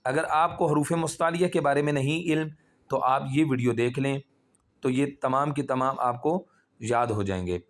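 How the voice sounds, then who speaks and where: A man's voice: mid-range voice, moderate pace. A man teaching Quran recitation step by step, patiently spelling out letters and drawing out syllables.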